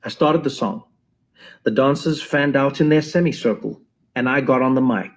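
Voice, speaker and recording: A man narrating a first-person memoir in an expressive storytelling voice. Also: medium pitch, moderate pace. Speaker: audiobook reader.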